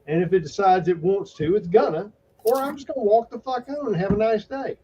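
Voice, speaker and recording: Host, male, higher-pitched, blunt and profane in casual talk; dull lo-fi sound with faint background hiss. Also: brisk, mellow. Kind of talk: casual opinionated chat. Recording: dull lo-fi recording.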